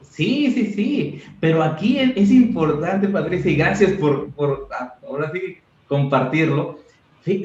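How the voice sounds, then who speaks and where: Animated man coaching with lively examples. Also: on the high side, echoey room, dull audio. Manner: animated, acts out examples in quoted voices. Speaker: mental coach, interviewee. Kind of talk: explanatory interview talk.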